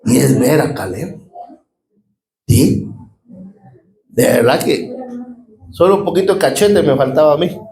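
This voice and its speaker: Guatemalan pastor preaching in an echoey church. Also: male voice, fairly high pitch, animated, measured pace, vocal fry, pauses often, mellow. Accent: Guatemalan Spanish. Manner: preaching with call-and-response to the congregation. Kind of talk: sermon.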